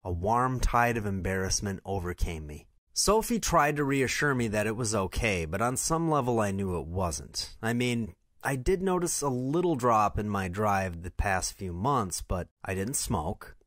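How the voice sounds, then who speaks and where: A man's voice: fairly low pitch, big pitch swings, moderate pace, few pauses, a bit bright, no echo, studio quality. A man reading a scripted first-person story in a confessional tone.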